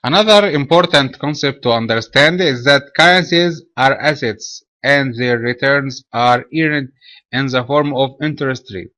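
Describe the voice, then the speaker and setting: A man from Egypt presenting a trading webinar in a measured, explanatory way. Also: medium pitch, sharp tone, dry recording.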